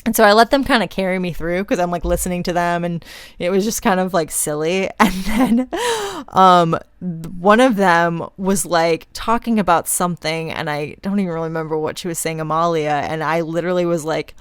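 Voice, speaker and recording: A young woman recounting her own story on her podcast in a casual, chatty manner, full of "like"s. Her voice is low-set and smooth. The sound is close and dry, with no room behind it. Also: a little fast, no echo. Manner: casual and chatty, many fillers like "like". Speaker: podcast host. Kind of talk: personal storytelling.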